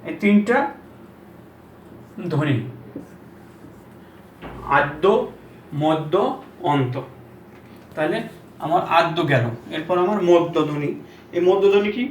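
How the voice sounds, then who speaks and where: A man teaching pronunciation, repeating example words slowly and asking rhetorical questions. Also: on the high side, slight background noise. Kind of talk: Bengali pronunciation lesson. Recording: echoey room, mic at a distance, faint ambience.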